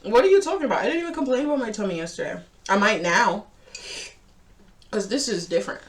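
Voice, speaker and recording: A woman's voice: mid-range voice, fast. A woman hosting a casual reaction video, chatting and laughing often while she eats. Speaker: host.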